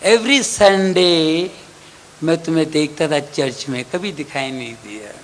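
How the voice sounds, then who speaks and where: A man voicing God as a calm, gently teasing fatherly figure, low and quiet. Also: a little slow, slight background noise, lightly acted.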